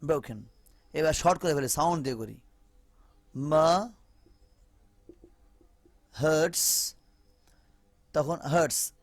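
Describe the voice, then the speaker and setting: A man's voice: fairly high pitch, extremely slow, pauses often, no echo. A man teaching an online phonetics class, repeating example phrases over and over. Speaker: English teacher.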